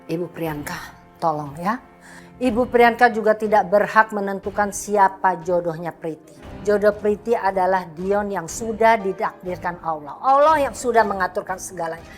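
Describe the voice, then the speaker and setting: A woman plays a patient, devout mother in a dubbed soap drama who answers accusations calmly and earnestly. Her voice sits at an ordinary middle pitch, with faint music underneath. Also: normal speed, close to an everyday voice. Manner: calm, earnest, pleading.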